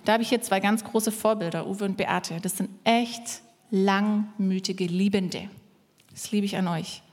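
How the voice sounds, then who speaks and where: A woman preaching a lively sermon to her congregation, acting out voices and joking with the listeners. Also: medium pitch, measured pace. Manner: lively, acts out voices in quotes, jokes with congregation. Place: church hall. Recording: church hall reverb.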